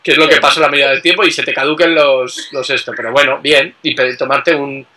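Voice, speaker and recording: A man chatting casually as a guest about travel, relaxed, with many fillers and tag questions. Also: mid-range voice, brisk, poor audio. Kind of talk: casual conversation.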